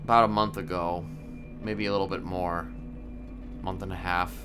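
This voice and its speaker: Lightly acting in a deep voice with a level tone, a streamer plays a brooding, confiding prisoner bent on reform, improvising his story in a crime roleplay game over loud music. The mood is wistful, and he speaks haltingly and deliberately, repeating words along the way.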